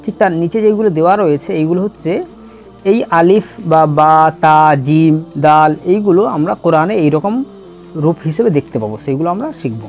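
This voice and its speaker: A man teaching letter pronunciation in a slow lesson, patiently repeating and drawing out each sound for students to follow. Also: a little high, expressive, a little mellow. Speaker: Quran reading teacher. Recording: dull lo-fi with faint music.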